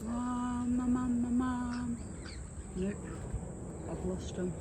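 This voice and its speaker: A woman's voice: fairly high pitch, extremely slow. An Australian woman chatting casually and cooing baby talk to pet birds, with effusive, theatrical endearments. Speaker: bird owner filming a home video. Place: outdoors in a garden at home. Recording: insect and bird noise outdoors.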